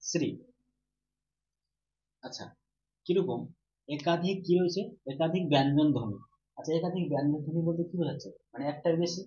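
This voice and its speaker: A man's voice: fairly high pitch, a little fast, pauses often, warm tone. A male teacher giving a grammar lesson to students. He asks questions, answers them himself, and repeats each key term. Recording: roomy, dull, with faint hum.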